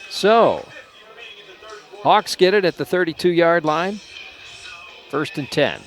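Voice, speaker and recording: A man calling a college football game play by play in a relaxed, unpolished way, sometimes unsure of player names. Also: on the high side, takes it slowly, soft background music. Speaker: play-by-play announcer. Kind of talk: local college football commentary.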